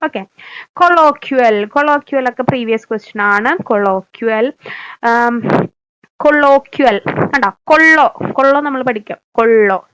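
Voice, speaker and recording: A woman with a Keralan accent teaching English spellings for an exam, slowly sounding out and repeating each word and letter, with coaxing tag questions. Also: sits high, a bit bright, smooth, poor audio. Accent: Keralan Malayalam. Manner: slow, stressed, repeated spelling-out of words; coaxing, adds "kettō" tag to lines. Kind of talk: spelling lesson in Malayalam.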